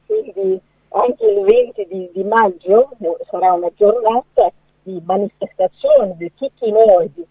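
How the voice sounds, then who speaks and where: A middle-aged woman speaking haltingly as an association representative in a live radio interview over a poor phone line. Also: mid-range voice, breathy edge, dry recording. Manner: halting, repeats words. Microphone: phone call. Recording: muffled phone line, hard to hear.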